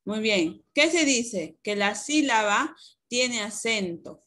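A woman's voice: on the high side, animated, slow, pushed and bright. Woman schoolteacher on a video call, patient, explains step by step, poses questions to the class and answers them herself. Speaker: primary school teacher. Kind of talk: online class lesson.

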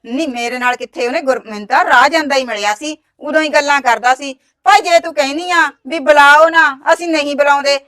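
A woman's voice: sits high, a little fast, hardly any pauses, sharp tone. An actress playing a sly, meddling village woman who stirs up trouble, speaking. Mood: wheedling. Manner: wheedling, reports others' words. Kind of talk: village drama dialogue.

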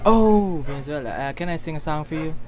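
A shy, giggly young man from the Philippines with a Filipino accent, chatting softly with strangers on a webcam. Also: a little high, lively intonation, brisk, background noise. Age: young adult. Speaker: singer and video host. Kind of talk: casual video chat between songs. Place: indoor bedroom. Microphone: laptop webcam. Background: his own acoustic guitar.

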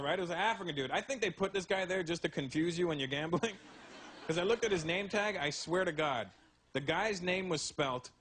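Animated male stand-up comedian. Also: high-pitched, slight background noise. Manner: animated storytelling, many asides. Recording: live comedy show, loud crowd laughter.

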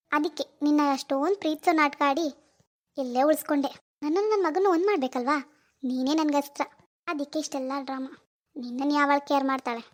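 A woman voicing a scheming, two-faced older mother-in-law in an animated family drama, sighing and wheedling, then sly and scornful. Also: high voice, lightly acted.

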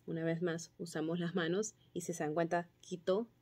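A woman teacher patiently explaining phonics drills and sounding out syllables and letter sounds clearly. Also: on the low side, level tone, moderate pace, a little mellow. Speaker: kindergarten teacher.

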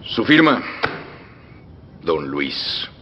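A menacing film dub features a middle-aged revolutionary general, voiced by an actor with a Mexican accent, who teases, threatens, roars with laughter and moves from soft menace to loud outbursts. The low male voice is very animated, very slow and heavily acted, with slight background noise. The soundtrack is dull, with long reverb and faint music.

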